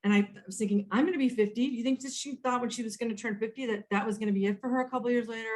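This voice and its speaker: Guest, woman, 50s, rapid and animated storyteller on a video call, self-quoting. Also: on the high side. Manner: animated, quotes herself, frequent restarts. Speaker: guest, author and entrepreneur. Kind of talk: conversational storytelling.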